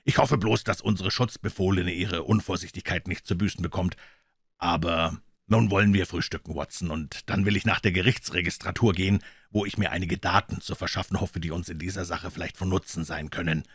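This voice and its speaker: A male reader voicing a calm, polite detective who stays unruffled and reasons things through. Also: sits low, brisk, slightly rough, no room sound, clean studio sound, full character voice. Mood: wry.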